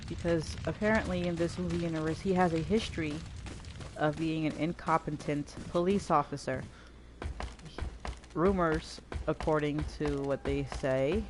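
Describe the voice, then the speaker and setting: Over some background noise, a woman with a low voice offers scattered, self-deprecating commentary while playing a game. She is a gamer reviewing a film, rambling casually.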